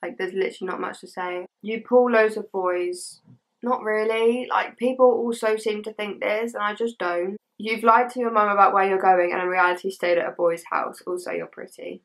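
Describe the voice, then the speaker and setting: A woman's voice: medium pitch, steady tone, normal speed, poor audio. A young English woman in casual chat to camera, talking informally with British teen slang and lots of "like". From England. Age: young adult. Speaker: social media creator. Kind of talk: casual chat to camera, reading out and answering assumptions.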